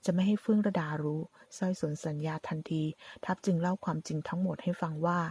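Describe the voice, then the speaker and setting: A woman narrating a drama story as a recap, reading in a steady, even way. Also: lowish voice, quick pace, slightly rough.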